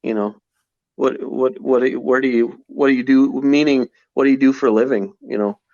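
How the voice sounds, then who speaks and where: A man's voice: mid-range voice, steady tone, normal speed, gravelly, darkish tone, no echo. Reflective man in his forties. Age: 40s. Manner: reflective, many restarts and fillers. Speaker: podcast guest. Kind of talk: casual conversation. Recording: slightly dull podcast audio.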